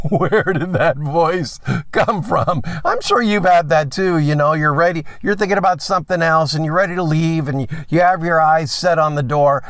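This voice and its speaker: A pastor speaks in a notably high voice, telling a candid story before his earnest point. The sound is close and dry, with no room around it. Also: fairly bright tone, no echo. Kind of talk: short devotional talk.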